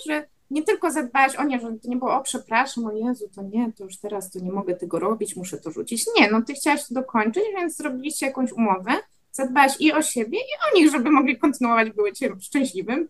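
High-pitched woman host, reflective, recaps and affirms the guest's points, conversational. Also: no room sound. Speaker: podcast host. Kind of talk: conversational interview.

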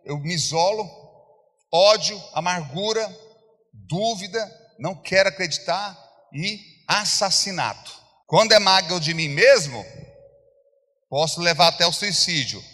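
A man's voice: high-pitched, unhurried, long pauses, pushed and bright. Emphatic male pastor in a reverberant hall. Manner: emphatic preaching, repeats phrases, acts out quoted voices. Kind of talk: sermon. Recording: long church hall reverb.

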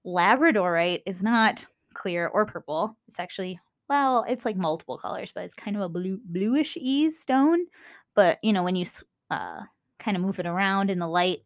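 A young woman with a Minnesotan accent giving a casual, rambling spiritual talk as a podcast host, full of fillers and self-corrections. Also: on the low side.

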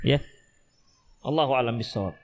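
A man's voice: mid-range voice, normal speed, long reverb tail. A male Islamic preacher with a Medan Indonesian accent, giving a religious study lecture and answering questions, acting out little husband and wife dialogues.

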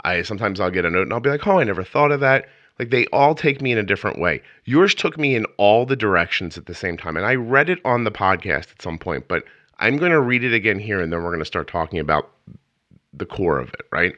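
A man's voice: on the low side, animated, quick pace, pushed and bright, no echo, highs cut off. A man hosting a podcast interview in a casual, rambling way, often restarting his sentences as he tells a story. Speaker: podcast host.

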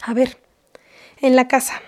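A woman's voice: high voice, flat delivery, a little slow. A woman playing a scolding Mexican mom. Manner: scolding, lecturing, half-whispered. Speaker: mother. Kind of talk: comedy sketch acting.

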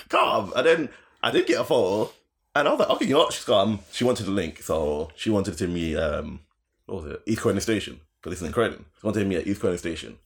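A young man with an urban London roadman accent, telling a casual story in slangy, animated speech and repeating phrases for emphasis. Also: sits low, quick pace.

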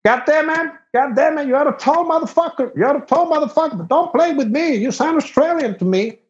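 As a Spanish man puts him on, this is a rowdy drunk partygoer with a high, strained voice, swearing and insisting on his point over and over. The sound is muffled and lo-fi. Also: animated, fairly quick, roomy sound. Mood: insistent. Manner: pushy, swearing, repeats himself.

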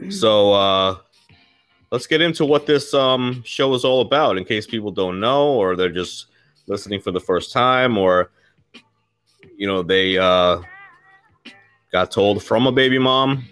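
A man's voice: fairly low pitch, measured pace, long pauses, a bit bright, smooth, soft background music. A man hosting a live podcast, hyping it up, swearing and repeating his phrases, while a chest cold keeps him coughing. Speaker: podcast host. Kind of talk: casual live podcast chat.

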